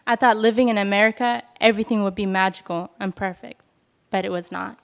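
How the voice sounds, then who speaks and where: A woman in her twenties from Ethiopia, nervously giving a prepared speech at a press event, with halting self-corrections. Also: mid-range voice, fairly even intonation, creaky, clear, resonant tone. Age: 20s. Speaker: youth speaker at a press event.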